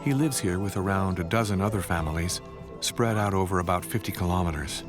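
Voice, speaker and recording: Deep-voiced man narrating a nature documentary. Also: brisk. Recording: music under the voice. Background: background music.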